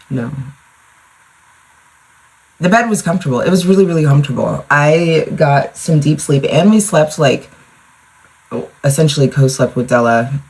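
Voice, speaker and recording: A woman's voice: low-pitched, darkish tone, slightly rough, rough recording. A young woman, a mother, hosting her own podcast in a rambling, casual solo chat full of "like" and the odd swear word. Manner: chatty, rambling, lots of "like", with swearing. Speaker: podcast host. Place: at home, in front of a mirror.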